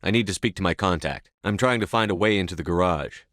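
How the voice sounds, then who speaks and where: A composed, businesslike male military commander from a sci-fi video game. His voice sits low and he speaks in measured, clipped, matter-of-fact lines with a tough edge. The sound is dry, with no room on it. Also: a bit bright, dry recording. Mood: cool, negotiating. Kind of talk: scripted video game dialogue.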